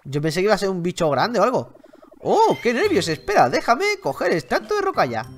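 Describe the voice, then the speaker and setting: Spanish guy playing a game and reacting a lot, voice jumps all over, loud shouts. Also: high-pitched, fairly quick, faint music behind. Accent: Spain Spanish. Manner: excitable, exclamations and slang. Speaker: gaming youtuber. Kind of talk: playthrough commentary.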